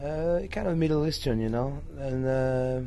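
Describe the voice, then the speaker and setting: A man's voice: medium pitch, normal speed. A man from Reunion Island, a singer and guitarist, talking in an easygoing way with many "you know"s. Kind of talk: casual interview chat. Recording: loud music behind.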